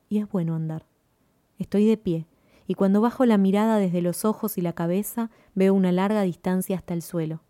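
A woman narrates a first-person story in a calm, measured, lyrical reading. Her voice has a mellow, warm tone at a middle pitch. The recording is dry and close with no room sound. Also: no echo.

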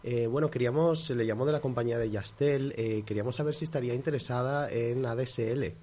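A man's voice: mid-range voice, quick pace, darkish tone, slight background noise. A man co-hosting a radio show, playing a formal phone salesman in a prank call. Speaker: radio co-host.

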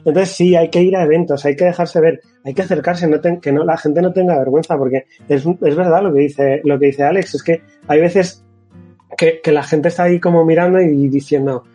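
A man with a Spain Spanish accent, a teacher chatting on a podcast, telling animated stories, swearing casually and acting out quotes. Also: a little high, a little fast, breathy edge, soft background music. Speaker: podcast panelist and game-development teacher.

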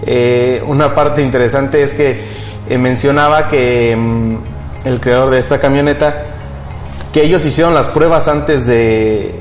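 A man's voice: medium pitch, fairly even intonation. Hesitant young Mexican man in roomy sound. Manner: hesitant, explanatory, often pausing mid-phrase. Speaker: podcast co-host. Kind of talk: casual tech news chat. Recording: roomy echo, background music.

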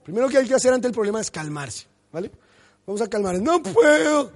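A man, a pastor preaching a sermon with animated storytelling. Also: high voice, quick pace. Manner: animated storytelling, acts out voices.

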